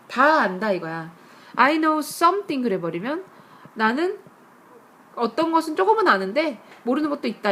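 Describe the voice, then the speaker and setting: A woman teaching English grammar on a screencast, explaining patiently, asking rhetorical questions and reading English examples slowly. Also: a little high. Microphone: tablet screencast mic.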